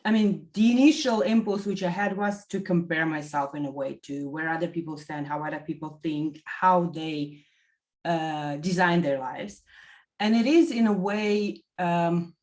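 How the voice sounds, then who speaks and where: A woman in her thirties from Latvia, giving a reflective testimonial interview and pausing often to find her words. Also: fairly low pitch. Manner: thoughtful, many fillers and self-corrections. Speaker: interview guest, executive assistant.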